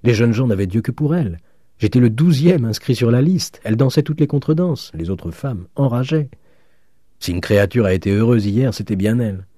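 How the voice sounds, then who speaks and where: A male narrator voicing an eager, excitable young law student in an audiobook. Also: medium pitch, brisk, no echo, studio quality, pitched above the performer's own voice, close to an everyday voice. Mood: excited. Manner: breathless and enthusiastic. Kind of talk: audiobook reading.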